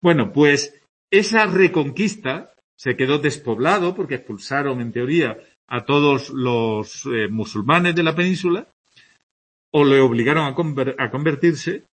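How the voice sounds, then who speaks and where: A man's voice: medium pitch, measured pace, husky. A tired man from Andalusia with an Andalusian accent, giving a conversational classroom lecture and often checking in with his students. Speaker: teacher. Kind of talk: classroom lecture on Spanish dialects.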